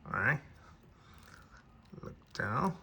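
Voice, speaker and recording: Speaking very slowly in a pushed, bright voice, a non-English-speaking man reviews an action figure. His talk is plain and conversational, with frequent restarts.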